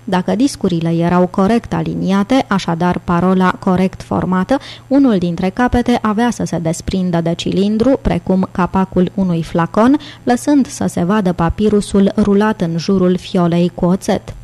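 Woman narrating a novel, calm measured read, dark mellow voice. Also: lowish voice. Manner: steady, measured reading. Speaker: audiobook narrator. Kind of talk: scripted narration.

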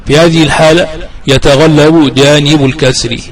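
A man lectures on grammar in a slightly raised voice. He stretches each example word slowly and deliberately, as if dictating to students. He repeats rules for emphasis and asks questions only to answer them himself. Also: a little high, steady tone, rough recording. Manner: slow, deliberate drawing-out of example verb forms. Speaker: grammar teacher. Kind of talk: explanatory lecture on classical grammar.

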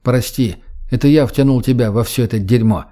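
A blunt, cocky teenage boy, read by a male audiobook narrator in a voice near his own. He sounds offhand and unimpressed, and the tone stays mellow. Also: mid-range voice, a little fast, natural voice. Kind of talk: audiobook character voice.

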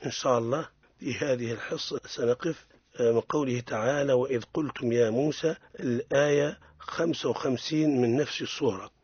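A man with a Tunisian accent hosting a radio lesson on Quran recitation, explaining each rule slowly and repeating every example. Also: medium pitch, a little mellow, breathy edge, dry recording, muffled recording. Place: radio studio.

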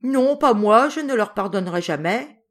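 A woman reading an audiobook who voices a stubborn, proud little boy in a shrill, defiant tone. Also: lively intonation, normal speed, close to an everyday voice.

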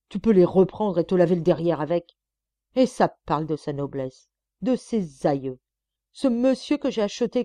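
A woman voicing a rich, scornful wife who screams hoarse insults at her husband in a dry, close recording. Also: lowish voice, a little mellow, no room sound, lightly acted. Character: shrill furious rich wife, scornful, explosive.

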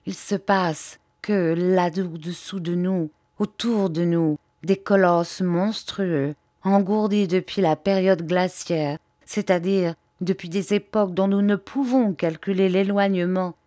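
A woman's voice: lowish voice, fairly even intonation, a little slow, few pauses, a little mellow, no room sound, clean studio sound. A woman voicing a serious, anxious learned man in a storybook reading, speaking earnestly. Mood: desperate. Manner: earnest, solemn explaining.

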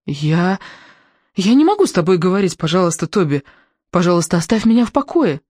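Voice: medium pitch, moderate pace, no echo, studio quality, close to an everyday voice. A reader doing a terrified teenage girl, voice shaking. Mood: frightened. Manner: trembling, hushed pleading. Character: frightened teenage girl hiding at home.

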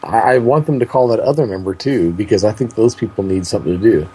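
A man's voice: lowish voice, quick pace, warm tone, breathy edge, rough recording. A man hosting a prank call show, talking in a crude, goofy, rambling way. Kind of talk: casual prank call banter.

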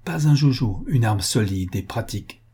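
A man narrating a literary audiobook in a measured, expressive reading. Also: mid-range voice, slightly rough.

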